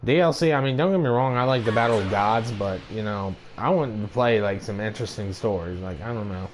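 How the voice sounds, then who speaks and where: A man's voice: lowish voice, a little fast, slight background noise. A man streaming a video game, giving casual, rambling commentary and joking around with silly robot noises.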